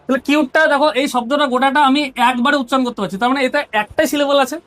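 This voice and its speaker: A woman's voice: high-pitched, fairly even intonation, racing, fairly bright tone. A woman teacher with a Bengali accent explaining grammar step by step and often checking that her students are following. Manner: explains step by step, often asks "ঠিক আছে?".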